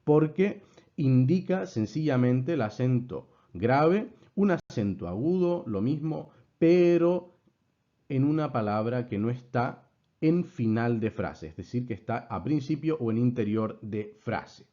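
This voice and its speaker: A man teaching a class, explaining things in a measured way and addressing his students formally. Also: medium pitch, expressive, mellow, highs cut off. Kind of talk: lecture with slides.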